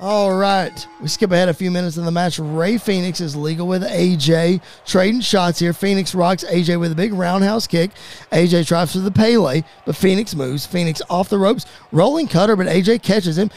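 A man calling a fantasy wrestling show as play-by-play commentator, rapid-fire and rising to excited shouts at the big moments. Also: high voice.

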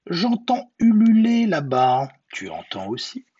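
A man's voice: sits high, wildly swooping pitch, slow pace, warm tone, breathy edge, dry recording, faint music behind, voice pushed up, heavily acted. A man voicing a big, greedy, gullible monster from a storybook. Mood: curious. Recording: dull lo-fi recording.

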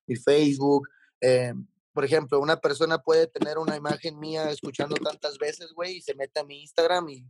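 A man's voice: a little high, fairly even intonation, fairly quick, a little hiss or hum. A man with a Mexican accent, a rapper talking casually as a guest and telling stories in sweary street slang. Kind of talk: casual chat, storytelling.

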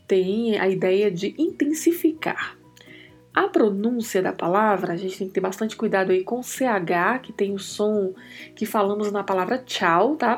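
A woman hosting a podcast lesson, teaching Spanish to Portuguese speakers and drilling each word's pronunciation slowly and carefully. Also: mid-range voice, breathy edge.

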